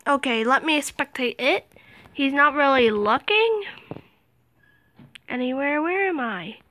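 Brief: high, animated woman narrating a video game, jumpy and excitable, faint hiss behind. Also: slow pace, low-quality recording. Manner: excitable, swings from whispers to shrieks. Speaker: gaming video host. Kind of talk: game commentary.

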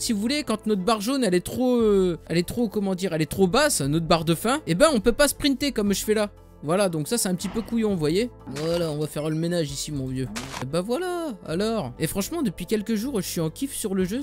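A man with a French accent giving casual, slangy Let's Play commentary, talking straight to his viewers and swearing when things go wrong. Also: high-pitched. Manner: excitable, slangy, swears, addresses viewers directly. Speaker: gaming YouTuber.

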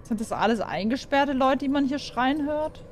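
A woman's voice: sits high, lively intonation, moderate pace, a little hiss or hum. A young woman playing a horror game and commenting for her viewers, jumpy and full of exclamations, often asking them questions. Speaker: gaming YouTuber.

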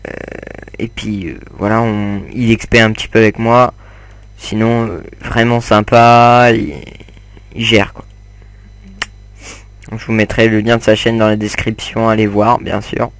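A man's voice: on the low side, flat delivery, unhurried, pauses often, no room sound. A young man giving casual, rambling commentary over his gameplay, full of fillers and asides to viewers. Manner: rambling, many fillers, chats to viewers while playing. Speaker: gamer commentating his play.

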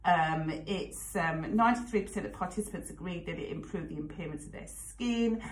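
A woman's voice: fairly low pitch, fairly quick, echoey room, slight background noise, poor audio. A woman in her forties presenting on the radio, chatting frankly with plenty of fillers and asides. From England. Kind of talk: casual radio chat. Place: radio studio. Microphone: studio microphone.

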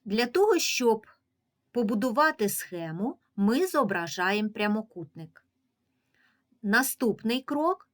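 Slow, patient woman teaching young children. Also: mid-range voice. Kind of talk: early reading lesson for children.

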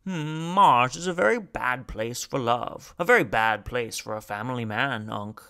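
A man's voice: medium pitch, expressive, moderate pace, gravelly, pushed and bright. A man voicing a big, self-assured male commander who speaks gaily and knowingly in a glottal tenor. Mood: jovial.

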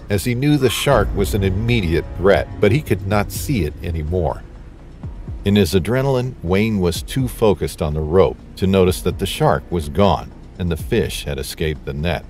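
Male narrator, very low voice, steady dramatic read over soft music. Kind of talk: scripted narration.

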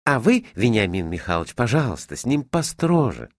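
A man voicing a fussy, scolding middle-aged lady at her summer house, with a shrill, exclaiming manner. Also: big pitch swings, brisk, no echo, clean studio sound.

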